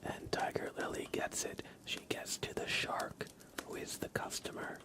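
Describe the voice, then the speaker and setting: Speaking in whispers and soft tones, a livestream host runs an ASMR stream. He addresses his chat directly, keeping things gentle and slow.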